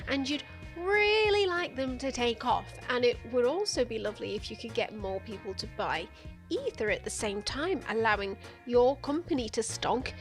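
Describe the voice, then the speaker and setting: A woman's voice: on the high side, lively intonation, normal speed. Woman, scripted essay narrator, sardonic and profane, faint music bed. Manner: sarcastic, profane, playful. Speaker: video essayist.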